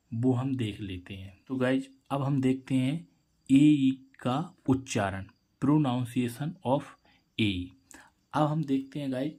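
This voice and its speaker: Male online tutor, slow and deliberate, repeats each answer for the viewers. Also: medium pitch, mellow, slightly rough. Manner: slow, repetitive, quizzing the viewers. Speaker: English teacher. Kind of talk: Hindi-medium pronunciation lesson.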